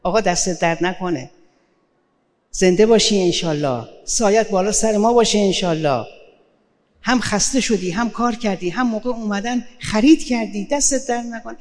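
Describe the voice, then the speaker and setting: A woman speaking as a guest on family life, giving advice in an animated way and acting out short quoted exchanges. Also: medium pitch. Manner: animated, acts out little quoted dialogues. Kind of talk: lively advice talk on a stage. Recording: long hall reverb.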